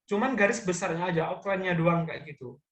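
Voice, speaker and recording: A man's voice: sits high, fairly quick, a bit bright. A man from Madura with a Javanese-tinged Indonesian accent, chatting casually and jokingly as a public speaking trainer on a video call. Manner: chatty, joking, keeps tagging phrases with fillers. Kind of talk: casual online training talk. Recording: echoey room.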